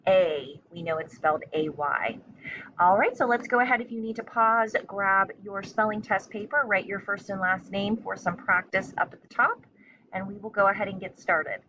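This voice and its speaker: A woman's voice: medium pitch, normal speed, sharp tone. A woman teacher giving a spelling lesson and dictation, enunciating carefully and repeating in an encouraging, instructional way. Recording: muffled lo-fi sound with faint noise.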